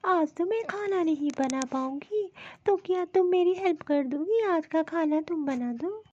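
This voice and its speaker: A woman's voice: very high voice, expressive, measured pace, darkish tone. A woman voicing a lazy, scheming young daughter-in-law in a cartoon, sly and sugary-sweet in how she talks. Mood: sweet-talking. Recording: dull lo-fi recording.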